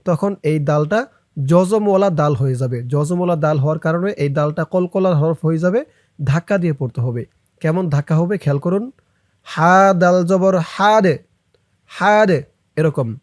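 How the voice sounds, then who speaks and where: A man with a Bangladeshi accent teaching recitation, spelling each letter and vowel slowly before chanting it drawn out, with brisk explanations in between. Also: high voice, dry recording, studio quality. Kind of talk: slow letter-by-letter recitation lesson.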